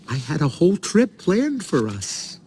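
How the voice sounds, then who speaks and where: A man playing a sad, childlike imaginary-friend creature in an animated film, wistful and tearful. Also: a little high, measured pace, a little hiss or hum. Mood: wistful grief. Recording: film clip under loud music score.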